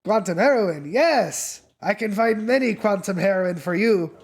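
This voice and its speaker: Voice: mid-range voice, expressive, measured pace, voice pushed up. A game master voicing a shady, eager human drug dealer who hangs out in a club, talking in a pushy, wheedling way. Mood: excited.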